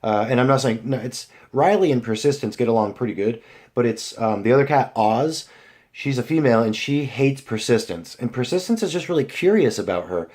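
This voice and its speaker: A man's voice: medium pitch, animated, brisk, darkish tone. A young man rambling casually to his viewers, full of fillers and restarts. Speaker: vlogger. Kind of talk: rambling casual vlog chat.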